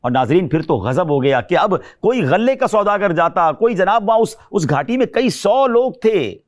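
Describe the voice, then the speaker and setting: A man preaching with a fairly high voice, telling a sacred story with passion. He turns often to his listeners to draw them in. When he recites verse, he slows down and lingers on each line with feeling. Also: sing-song. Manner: impassioned, addresses listeners directly. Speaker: Islamic preacher. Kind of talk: emotional religious storytelling sermon.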